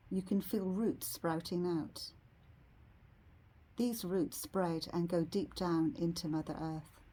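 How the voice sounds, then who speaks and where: A woman leading a guided meditation in a serene, soothing, soft and slightly husky voice. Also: on the low side. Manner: serene, unhurried, soothing delivery.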